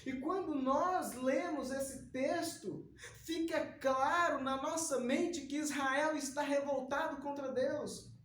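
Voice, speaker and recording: A man's voice: very high voice, steady tone, slow, a bit bright, a little hiss or hum. A man preaching a sermon and praying with an earnest, emphatic delivery. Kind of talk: sermon with opening prayer. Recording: echoey room.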